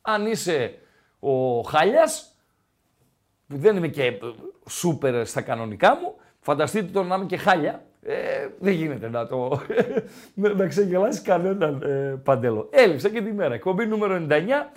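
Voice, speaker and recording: A man's voice: fairly high pitch, sing-song. A male sports radio host talking football in a casual, rambling way with many filler sounds, in a radio studio.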